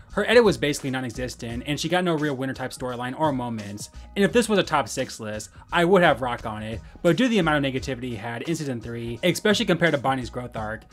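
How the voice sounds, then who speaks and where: A man narrating a scripted video essay as its host. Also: mid-range voice.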